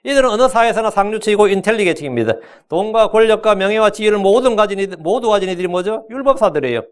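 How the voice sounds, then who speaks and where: A man's voice: high-pitched, expressive, fast, clean tone. A middle-aged man preaching a sermon as pastor, colloquial and joking, acting out quoted voices with a Korean accent.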